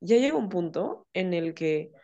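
A woman's voice: fairly low pitch, unhurried, muffled recording, slight background noise. A woman therapist, explaining ideas in a casual podcast conversation and often acting out quoted dialogue. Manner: explanatory, acts out quoted dialogue in lively voices.

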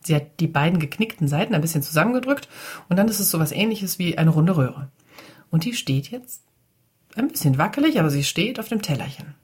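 A woman's voice: lowish voice, lively intonation, brisk, breathy edge. A woman narrating a children's story in a chatty, casual way, often turning to talk to the listeners. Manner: chatty, addresses listeners directly.

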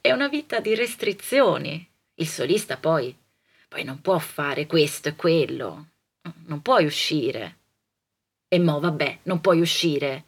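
A woman's voice: slow pace, breathy edge. A woman soprano delivering a comic monologue in a theatrical, ironic way. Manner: theatrical, ironic, lively swings in pitch and loudness.

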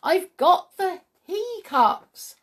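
A woman's voice: very high voice, very animated, very slow, voice pushed up, exaggerated voice. A woman voicing a cheerful, giggly little girl in a storybook reading. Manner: bright, giggly.

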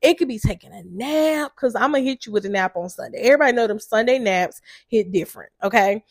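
A woman's voice: a little high, expressive, fast talker, no room sound. A woman in her thirties hosting a casual solo podcast, chatty and full of "like", with a stuffy, congested nose. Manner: chatty, says "like" a lot. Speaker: podcast host.

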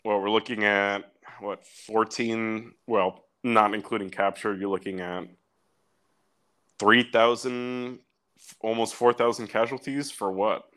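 A man's voice: lowish voice, steady tone, slow, fairly bright tone. A young man co-hosting a casual podcast, reading war facts aloud with loose, profane asides. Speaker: podcast co-host. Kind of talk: casual chat.

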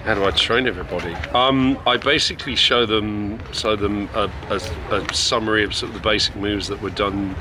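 A man's voice: on the low side, steady tone, a little fast, few pauses. A man who works as an actor and instructor, chatting casually in an interview. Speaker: film actor and lightsaber instructor being interviewed. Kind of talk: casual chat. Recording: clear urban background noise.

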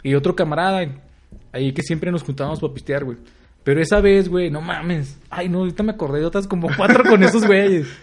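A young man with a Mexican accent, co-host of a casual podcast. His voice sits a bit high, and he tells stories full of slang, laughing and acting out the lines of others. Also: quick pace. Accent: Mexican Spanish. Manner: slangy, laughs often, acts out quotes. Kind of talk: casual chat.

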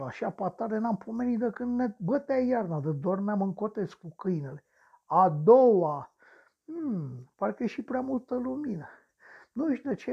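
A man's voice: high-pitched, vocal fry, slightly rough, muffled recording, heavily acted. A man acting a coarse, boastful male serial killer in a radio drama monologue, ranting and sneering at the victims who haunt him.

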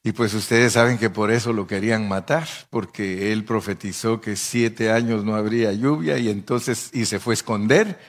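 A middle-aged man preaching a storytelling sermon, talking conversationally to the congregation and acting out voices with sudden pitch jumps. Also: steady tone, moderate pace, hardly any pauses. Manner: addresses listeners as brother, conversational. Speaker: pastor.

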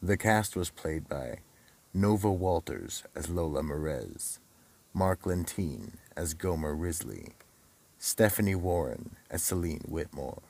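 A man playing a psychotic, sinister horror host and storyteller of an audio drama, gravelly and menacing, drawing out his words theatrically. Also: rumbling low, heavily acted. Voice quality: gravelly, raspy. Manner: menacing, drawn-out delivery.

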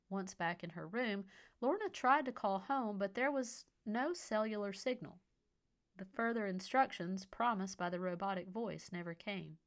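Woman narrating a story, measured. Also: mid-range voice.

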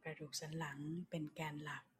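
A woman leading a slow guided body-scan meditation for sleep in a soft, breathy, near-whispering voice, soothing and unhurried, speaking in short phrases with long pauses. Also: low voice, little pitch movement, slight background noise. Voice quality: soft, breathy voice that often slips toward a whisper. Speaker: guided relaxation leader.

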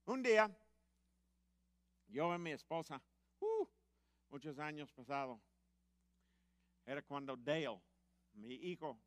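A middle-aged man preaching in a halting, Spanish, animatedly telling a personal testimony. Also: medium pitch, no room sound. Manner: animated, acts out quoted voices, halting grammar.

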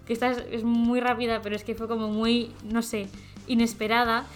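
Woman from Zaragoza, higher-pitched, chatty and self-deprecating, light music underneath. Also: little pitch movement, fairly quick. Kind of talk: casual chat, storytelling.

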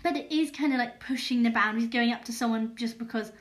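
A woman's voice: fairly high pitch, fast talker. Candid woman hosting a podcast. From England. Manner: candid, hesitant, lots of fillers and restarts. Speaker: podcast host. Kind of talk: personal podcast monologue.

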